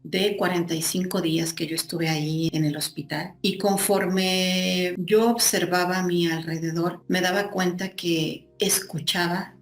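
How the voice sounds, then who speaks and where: A woman's voice: fairly low pitch, little pitch movement, measured pace, few pauses. A woman recounting a personal experience as an interviewee, in an earnest, reflective way. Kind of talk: personal testimony. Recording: roomy echo.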